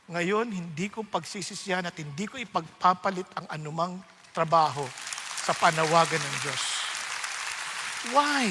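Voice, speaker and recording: A man preaching a sermon, telling his own story in an animated way and acting out what others said. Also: high-pitched, normal speed, pauses often, in a large hall, some chatter behind, a little hiss or hum. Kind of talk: sermon testimony.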